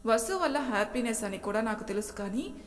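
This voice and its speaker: A woman's voice: a little high, expressive, a little fast, natural voice. A woman voicing a man's inner conscience, teasing and questioning him. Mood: probing. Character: inner conscience voice, probing and needling. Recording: long hall reverb.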